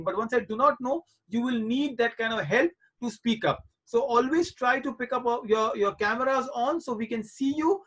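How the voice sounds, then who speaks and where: A man's voice: extremely high pitch, a bit bright. A man in his forties teaching children in a live online class over a video call, reassuring and coaxing them and repeating his points. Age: 40s.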